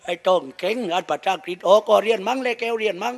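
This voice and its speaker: A man's voice: high-pitched, fast talker, creaky. A man with a Southern Thai accent, a shadow puppet master telling crude comic stories with jokes and laughs. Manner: crude, joking storytelling with laughs.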